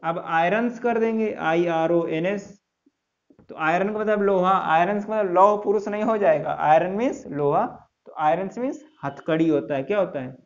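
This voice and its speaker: A man's voice: high-pitched, normal speed, dull audio. A male English teacher giving a classroom lesson, spelling words letter by letter and repeating each answer in call-and-response.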